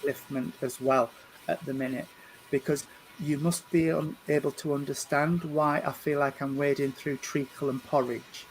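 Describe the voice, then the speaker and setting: A man, working as a medium and giving a spirit reading at a church service. He speaks gently and reassuringly, often stumbling over and repeating his words. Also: fairly high pitch, level tone, moderate pace, slight background noise, low-quality recording. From England. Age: 50s. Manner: hesitant, repeats and restarts words.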